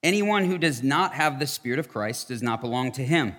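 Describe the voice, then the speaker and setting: A man in his thirties preaching a sermon at a pulpit microphone, earnest and dropping to hushed tones for emphasis. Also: mid-range voice, lively intonation, fairly quick. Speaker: pastor.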